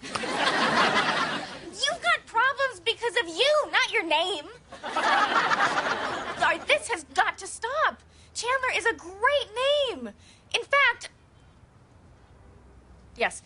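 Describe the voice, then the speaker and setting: A sweet, earnest young sitcom friend with bubbly, drawn-out replies. Her voice is very high and swings widely. She speaks slowly over noisy TV audio. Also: big pitch swings, full character voice. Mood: scolding. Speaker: sitcom character. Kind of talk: sitcom acting. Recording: noisy TV audio with laugh track.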